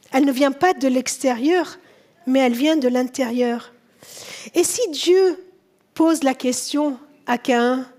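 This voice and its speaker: Woman pastor, high voice, slow deliberate delivery, sermon in church, soft tender asides, rising emphatic questions. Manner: earnest preaching, dropping to soft tender tones, rising when voicing biblical characters.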